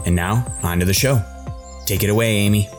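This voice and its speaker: A man with a deep voice reads a scripted podcast introduction as an announcer. Music plays clearly underneath his promotional narration. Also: fairly quick. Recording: music bed behind voice.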